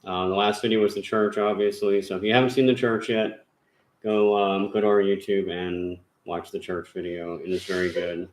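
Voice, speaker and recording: A man with a fairly low voice hosts a ghost-hunting channel from his home. He talks casually and rambles, stopping and restarting with plenty of fillers. The room gives his voice a noticeable echo. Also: little pitch movement, moderate pace, slight background noise. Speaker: paranormal investigator channel host. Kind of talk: casual chat. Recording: roomy echo.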